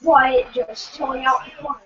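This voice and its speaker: A woman on a live wrestling reaction show, chatty and chiming in with quick remarks. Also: high-pitched, flat delivery, fairly bright tone, dull audio. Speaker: co-host. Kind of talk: casual live reaction chat.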